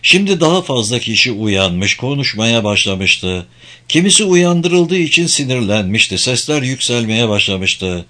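A man's voice: medium pitch, expressive, unhurried, bright, forceful tone. Man narrating an audiobook.

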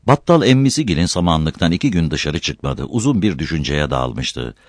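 Deep-voiced male audiobook narrator. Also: sing-song, moderate pace, dry recording, studio quality. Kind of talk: scripted narration.

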